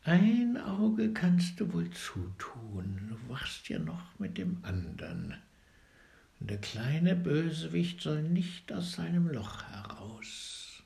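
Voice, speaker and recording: A man's voice: on the high side, very animated, slow, creaky, mellow, full character voice. A man voicing a tired female owl on night watch, muttering drowsily to herself. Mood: drowsy.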